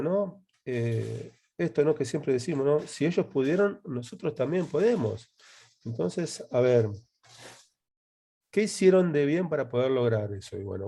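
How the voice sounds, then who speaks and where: A man's voice: mid-range voice, warm tone, slightly rough. An Argentine man, a university lecturer hosting an interview, agreeable and emphatic as he talks. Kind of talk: casual conversation.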